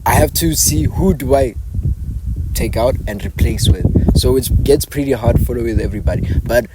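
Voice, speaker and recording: A man with a South African accent giving his views in a casual panel discussion, measured and often hedging his opinions. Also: mid-range voice. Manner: measured, often hedging with "I won't lie to you". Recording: loud background noise with clicks.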